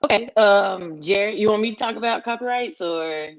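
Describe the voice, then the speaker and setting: A middle-aged woman from Memphis, Tennessee, a music executive, gives an informal workshop presentation on a panel, explaining things emphatically. Her medium-pitched voice moves at a moderate pace, and the sound is lo-fi.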